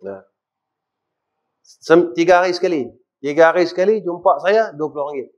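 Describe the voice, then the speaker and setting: A middle-aged man with a northern Malaysian accent giving a mosque lecture, asking the audience questions and swinging between loud and quiet. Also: on the high side, moderate pace. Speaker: religious teacher. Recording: dull lo-fi recording.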